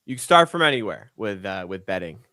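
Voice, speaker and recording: A man's voice: lowish voice, very animated, brisk, bright, forceful tone, dry recording, studio quality. A man in his twenties hosting a sports betting podcast, easygoing and filler-heavy as he chats and reads listener questions. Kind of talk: casual podcast chat.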